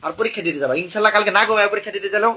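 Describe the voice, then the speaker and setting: A man's voice: high voice, very fast, pushed and bright. A young man, coaching students for an admission exam in a live class, drilling topics over and over.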